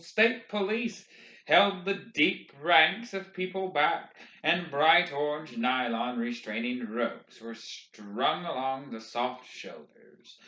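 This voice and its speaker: A man reading a novel aloud in expressive, measured audiobook narration. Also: on the high side. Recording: roomy, dull lo-fi recording.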